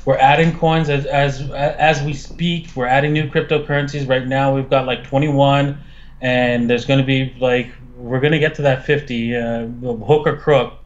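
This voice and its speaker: A man giving casual crypto market commentary like a crypto bro, speaking in a hesitant, halting way. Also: mid-range voice, level tone, dull audio. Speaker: crypto analyst guest.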